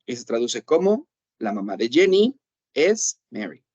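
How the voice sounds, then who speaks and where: A man with a mid-range, very animated voice, darkish and slightly rough in tone, explains an English class online in Spanish, patiently repeating "¿ok?" to check his students follow and slowing down for English examples. The recording is dry with the highs cut off.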